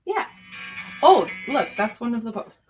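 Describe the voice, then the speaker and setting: Effusive, high-pitched woman hosting an auction. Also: very animated, unhurried, faint music behind. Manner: effusive, exclamatory. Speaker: auction host. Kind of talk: live auction presenting and casual chat.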